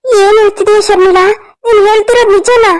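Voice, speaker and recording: A woman's voice: extremely high pitch, fairly even intonation, fast talker, faint music behind, poor audio. A woman voicing the women of a cartoon family drama, emotional and scolding. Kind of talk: cartoon story voice acting.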